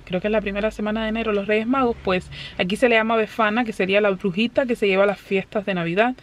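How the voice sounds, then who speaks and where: A woman's voice: medium pitch, fairly even intonation, quick pace, a little hiss or hum. A woman chatting casually to her vlog viewers, fond and talkative, patiently explaining words. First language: Spanish. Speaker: family vlogger.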